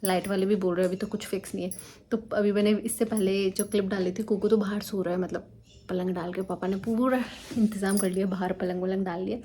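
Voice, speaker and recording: A young woman narrating her day in a casual home vlog, chatty and rambling with quick asides, recorded on a handheld phone in a village house. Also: medium pitch, fairly even intonation, dark tone. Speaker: vlogger.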